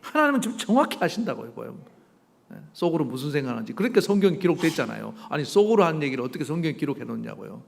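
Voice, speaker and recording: A male pastor preaching a sermon, animated, asking the congregation rhetorical questions and acting out quoted voices. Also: fairly high pitch, very fast, gravelly, long reverb tail. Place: church sanctuary.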